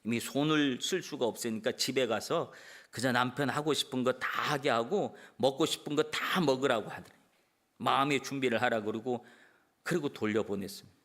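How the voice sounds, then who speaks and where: A man's voice: mid-range voice, moderate pace, a bit bright. A male pastor giving a sermon in church, telling stories with emphatic, rising peaks.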